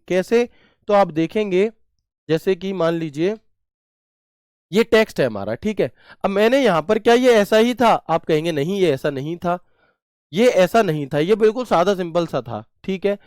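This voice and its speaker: A man's voice: sits high, darkish tone, smooth, no room sound, studio quality. A man teaching a computer class online, chatty, asking questions and answering them himself with homely examples.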